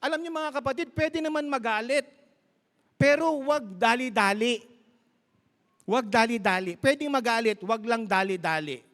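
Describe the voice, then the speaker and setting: A man's voice: very high-pitched, lively intonation, normal speed, a bit bright. A man preaching a live sermon as pastor, emphatic and storytelling, mixing Tagalog and English. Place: large church hall. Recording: live church sound with long reverb.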